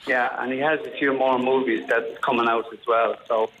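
A man's voice: mid-range voice, little pitch movement, normal speed, a bit bright, muffled recording. A man talking casually and reminiscing as a guest on a radio show. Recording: noticeable faint background noise.

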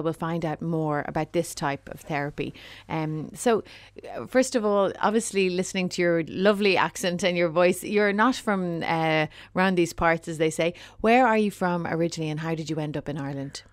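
A woman's voice: on the low side, fairly quick, hardly any pauses, smooth, no room sound. A woman hosting a studio talk show, introducing her guest and chatting in a friendly, talkative way. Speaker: show host. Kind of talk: studio interview.

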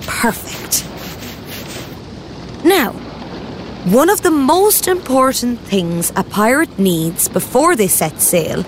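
A woman's voice: a little high, sing-song, takes it slowly, slight background noise. A woman presenting an interactive story for young children, encouraging and speaking straight to the child.

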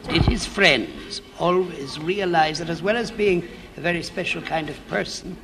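A man's voice: a little high, very animated, normal speed, creaky, crowd noise. A man working as an interviewer and presenter in a literary interview, posing questions and linking remarks.

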